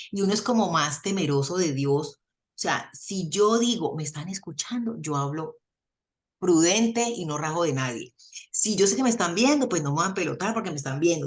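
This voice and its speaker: In a lowish voice, a Colombian woman who is a theologian explains things on a radio interview, drawing on animated anecdotes and homespun sayings.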